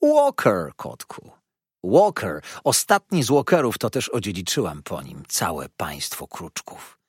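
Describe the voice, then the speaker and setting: Guy doing a squeaky gossipy dwarf lady from an audiobook, flirty and sly, huge swoops, slightly husky. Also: huge pitch swings, measured pace, no room sound, studio quality, full character voice. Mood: teasing. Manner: shrill, bustling and gossipy, with sudden high squeals. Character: chattering, coquettish little dwarf woman, a sly hairdresser. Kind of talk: audiobook character voice.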